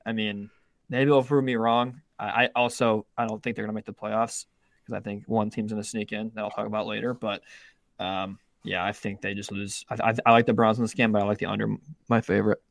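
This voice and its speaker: A man's voice: on the low side, flat delivery, a little fast, vocal fry, no echo. Rambling young man, dry close sound. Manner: rambling, self-interrupting, frequent restarts and swearing. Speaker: podcast co-host. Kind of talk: casual sports betting chat.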